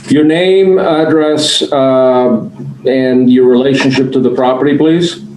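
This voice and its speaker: A man presiding over a formal hearing as magistrate, explaining rulings in a measured, halting way. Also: medium pitch, a little mellow. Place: online public hearing on video call. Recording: echoey room, faint background noise.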